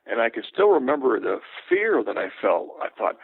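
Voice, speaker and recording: An older man, a sportscaster, telling relaxed anecdotes in an interview. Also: medium pitch, normal speed, husky, no room sound. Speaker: sportscaster guest. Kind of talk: storytelling interview. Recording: tinny phone-line sound.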